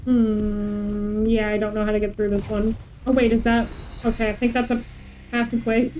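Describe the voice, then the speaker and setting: Heard on a low-quality recording with faint background noise, a woman streamer chats and comments casually while gaming, in English that isn't her first language. Her mellow, mid-range voice moves little in pitch and keeps a normal speed.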